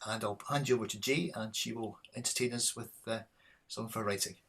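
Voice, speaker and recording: Husky-voiced man hosting an event. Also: fairly low pitch, fairly even intonation, fairly bright tone. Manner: halting, many fillers. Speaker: event host. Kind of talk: hosting an online reading event.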